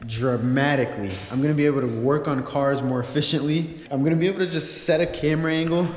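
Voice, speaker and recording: A man chats casually to his viewers like a car vlogger showing them around. He rambles with excitement and uses plenty of slang. His voice echoes strongly off the walls of a big indoor workshop, with a long reverberant tail. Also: fairly high pitch, fast, slight background noise. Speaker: YouTube car-channel host. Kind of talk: casual vlog walkthrough.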